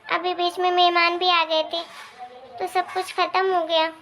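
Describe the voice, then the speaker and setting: A woman's voice: extremely high pitch, flat delivery, measured pace, soft background music. Woman voicing a meek young daughter-in-law. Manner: soft, polite.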